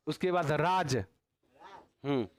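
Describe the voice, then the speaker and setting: A man's voice: a little high, takes it slowly. A man teaching a casual grammar class, teasing and quizzing his students with constant tag questions.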